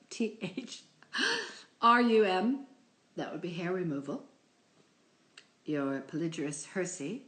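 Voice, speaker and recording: A middle-aged woman hosting a live stream from home, playfully reading odd words from a book and chatting, at times dropping to a whisper. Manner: playful, drifts into soft whispers and high exclaims. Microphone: phone.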